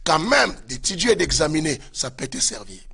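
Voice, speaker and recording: A man's voice: fairly high pitch, sing-song, normal speed, gravelly, pushed and bright. A man preaching a sermon with fervor, addressing his listeners again and again. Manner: fervent preaching with repeated direct address to listeners. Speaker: pastor.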